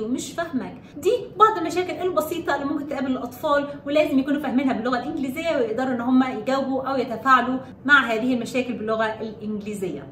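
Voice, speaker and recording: A woman with an Egyptian Arabic accent teaching English vocabulary, who says each English phrase slowly several times and then gives its Arabic meaning. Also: high voice, reverberant, recorded from a distance, a little hiss or hum. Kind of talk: bilingual vocabulary lesson.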